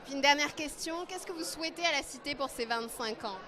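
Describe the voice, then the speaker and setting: High-voiced woman interviewing at a gala. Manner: brisk, polite questions. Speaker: event interviewer. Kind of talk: red-carpet interview questions. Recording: busy crowd at a gala.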